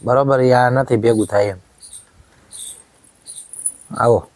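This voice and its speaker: A man's voice: mid-range voice, fairly even intonation, slow, a little mellow, dry recording. Man, angry husband in a home drama, scolding and accusatory, keeps demanding "right?".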